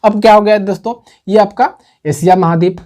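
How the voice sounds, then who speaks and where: A man's voice: high-pitched, steady tone, brisk, darkish tone. Repetitive male geography teacher. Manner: repetitive, asks the viewer questions and answers them himself; often says "okay, friends" between points. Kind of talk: online geography lesson.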